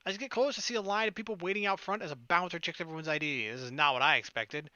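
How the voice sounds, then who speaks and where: Bright, forceful, and a little high, this male gaming host's voice moves fast, with no room sound. He reads a visual novel out loud in a casual way, performing the characters' lines while game music runs in the background.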